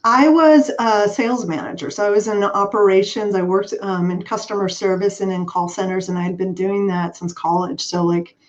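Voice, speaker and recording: A woman's voice: medium pitch, fairly even intonation, normal speed, few pauses. Woman, 40s, earnest, filler-heavy, choppy cutting-out video call, dull lo-fi sound. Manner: earnest, reflective, many fillers. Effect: choppy, cutting-out video call connection. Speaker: guest, coach. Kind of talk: interview over a video call.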